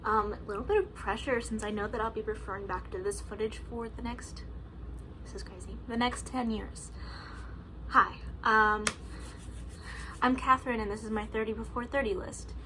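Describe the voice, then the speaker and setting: Speaking to camera from home, this vlogger in her early twenties has a slightly high voice with a steady tone and a normal pace. Her casual chatter is full of "likes," "ums," and frequent laughter, and the background is noisy.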